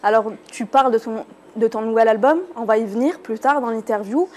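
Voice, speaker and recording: A woman's voice: fairly high pitch, brisk, darkish tone, a little hiss or hum. A woman from Algeria, hosting a studio interview in a playful way, slipping between Arabic and French. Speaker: interview host. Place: TV studio set.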